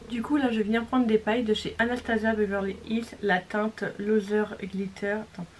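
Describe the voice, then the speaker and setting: A woman's voice: medium pitch, little pitch movement, normal speed, a little hiss or hum, low-quality recording. A woman beauty vlogger talking through a makeup tutorial in a casual, chatty way, correcting herself as she goes and sometimes dropping to a near-whisper. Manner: chatty, self-correcting, describing each step.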